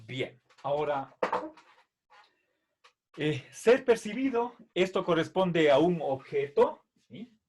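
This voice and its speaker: A man lectures on philosophy in an unhurried, explanatory way. His voice sits fairly high for a man, and he speaks slowly. He pads his sentences with fillers and keeps checking that his students follow. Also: expressive, a little mellow, a little hiss or hum. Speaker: philosophy teacher.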